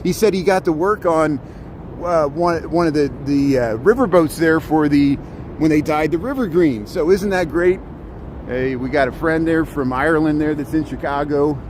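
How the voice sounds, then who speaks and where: Man, slightly high voice, rambling casual livestream chat, halting with repeated words, noisy outdoor riverwalk. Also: a little mellow. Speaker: live streamer. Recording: outdoor livestream with clear city noise.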